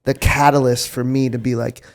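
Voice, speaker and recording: A man hosting a podcast, chatting in a relaxed, slangy way with some swearing. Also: medium pitch, fairly quick. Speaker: podcast host. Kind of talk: casual chat.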